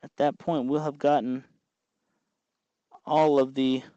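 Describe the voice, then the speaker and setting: A man with a medium-pitched, level, mellow voice speaks slowly as the host of a DIY electronics tutorial, patiently walking through each step in a casual, folksy way while he works. The recording is muffled but has no echo.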